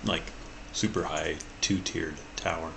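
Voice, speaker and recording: Man, casual tabletop player, gravelly fry, slow delivery, noisy recording with clicks. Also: a bass voice, steady tone, a bit bright. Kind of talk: casual game chat.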